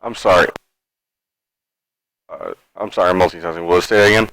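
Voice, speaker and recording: A man's voice: deep voice, fairly even intonation, a little fast, creaky, fairly bright tone, no room sound, poor audio. A man chatting casually as a player in a tabletop game, saying what his character does.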